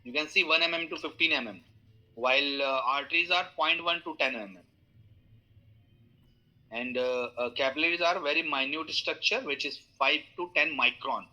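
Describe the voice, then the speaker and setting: A middle-aged man with an Indian English accent teaching an online class, explaining with everyday analogies, pausing on fillers and inviting questions. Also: a little high, bright, forceful tone, muffled recording. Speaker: instructor.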